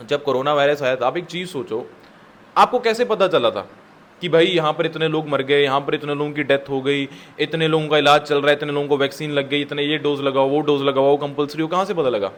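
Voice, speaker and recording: A man's voice: fairly high pitch, brisk, a bit bright. A man giving a motivational business talk, emphatic, repeating his key lines and mixing in English words. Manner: addresses viewers as guys. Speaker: network marketing business coach.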